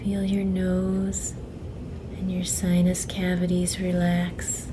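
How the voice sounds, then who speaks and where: A woman guiding a relaxation meditation in a soft, breathy, soothing near-whisper, with long pauses between phrases. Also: lowish voice, completely flat delivery. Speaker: guided meditation guide. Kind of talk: guided relaxation meditation narration. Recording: clearly noisy, ambient sound behind.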